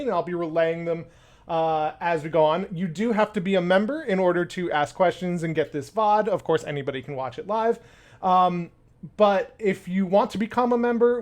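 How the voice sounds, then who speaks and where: A man's voice: high-pitched, darkish tone. A man hosting a casual live-streamed podcast, laughing often and stumbling over restarts. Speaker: podcast host and community ambassador.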